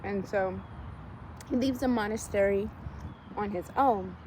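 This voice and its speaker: A woman recaps a story in loose, everyday talk, with plenty of slang and swearing and an animated delivery. Her pitch sits in a middle range. A steady background noise runs under her voice, with a vehicle passing. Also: a little slow, low-quality recording. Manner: animated, profane, slangy retelling. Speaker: vlogger retelling a book. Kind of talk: casual storytelling.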